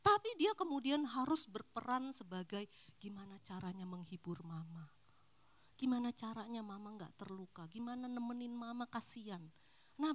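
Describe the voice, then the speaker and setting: Animated woman counselor with lively pitch. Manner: animated, acts out little dialogues. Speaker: counselor speaking to a church couples' fellowship. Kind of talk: casual talk.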